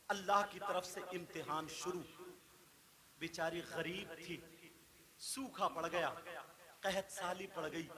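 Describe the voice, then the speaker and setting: A man preaching a sermon, telling an emotional story with dramatic swings from hushed tones to shouting. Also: high voice. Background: crowd of listeners.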